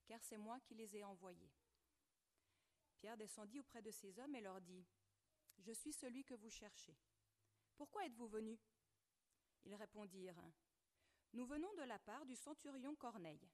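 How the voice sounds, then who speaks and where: Woman reading scripture aloud softly. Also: a little high. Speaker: scripture reader.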